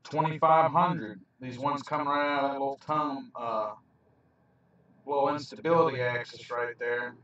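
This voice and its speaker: A storm chaser explains weather radar to viewers in an informal video, his medium-pitched voice steady, a bit bright and moderately paced. He's recorded on a handheld camera held away from his mouth, giving a roomy, dull, distant sound.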